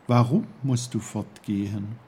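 A man's voice: fairly even intonation, a little slow, warm tone, breathy edge. A man voicing a curious young boy who asks earnest, puzzled questions in a raised voice. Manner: eager, questioning, raised pitch.

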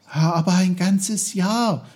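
Man voicing a small boy, storybook, curious, eager, higher voice, slow. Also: lively intonation, warm tone, husky, full character voice. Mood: wondering. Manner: eager, questioning. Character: curious, wondering little boy.

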